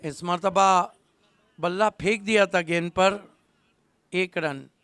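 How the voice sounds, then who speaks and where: A male commentator calls a live tennis-ball cricket match with quick wit, rising to loud calls on big moments. His voice sits high and bright with a smooth, crisp tone, recorded close and dry. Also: steady tone, dry recording.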